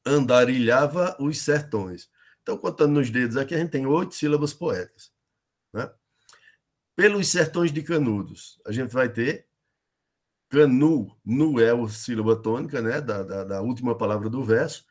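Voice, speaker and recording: A man's voice: medium pitch, moderate pace. A middle-aged man with a Brazilian Northeastern accent, teaching an online lesson on poetic meter and checking in with his students often. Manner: explanatory, many fillers and checks like "né?" and "beleza?".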